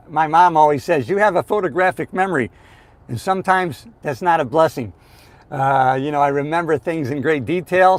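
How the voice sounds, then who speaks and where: Upbeat man in his sixties, high voice. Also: dry recording. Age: 60s. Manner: upbeat, motivational, chatty. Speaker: live-stream host. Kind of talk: casual live-stream chat.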